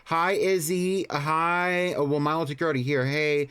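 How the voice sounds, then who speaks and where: A man's voice: fairly high pitch, fairly even intonation, a little slow, a bit bright, smooth. A man hosting a casual game livestream, chatty and friendly as he greets viewers and comments on play. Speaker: live game streamer, host. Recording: music playing behind the voice.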